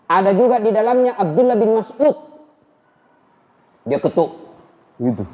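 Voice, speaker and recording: Male preacher, dramatic comic storyteller, highish voice in a big reverberant hall. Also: big pitch swings, normal speed, narrow, tinny audio. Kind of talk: humorous storytelling sermon.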